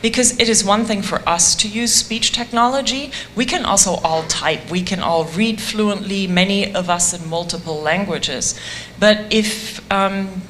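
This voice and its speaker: A woman's voice: mid-range voice, unhurried, fairly bright tone, slight background noise. A woman speaking enthusiastically on a conference panel about a community-driven voice project, with a self-deprecating humor.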